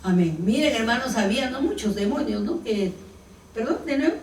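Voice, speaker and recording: A woman's voice: a little high, expressive, a little fast, darkish tone, slight background noise. A woman leading a Bible study who directs the group to verses and asks her listeners questions. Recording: roomy room, distant mic.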